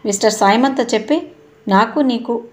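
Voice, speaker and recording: A woman reading the lines of a young male doctor in a low, subdued voice. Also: moderate pace, a little mellow, lightly acted. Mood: demanding.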